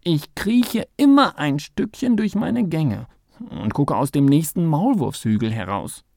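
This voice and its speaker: A man voicing an eager, impatient young male mole in a children's story, in a raised, excited voice. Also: unhurried, creaky, no room sound, clean studio sound, full character voice. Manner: excited, pushy, high.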